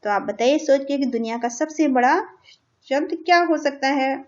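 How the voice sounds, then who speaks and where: Woman teacher spelling words slowly. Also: high-pitched. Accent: Indian. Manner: spells words letter by letter, says "theek hai" after each point; drawls English phrases very slowly. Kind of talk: school lesson for young children. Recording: muffled lo-fi recording.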